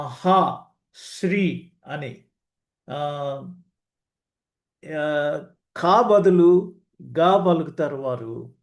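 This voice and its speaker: A man preaching a sermon, reading scripture and explaining it slowly, dropping in English words. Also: high-pitched, darkish tone, reverberant.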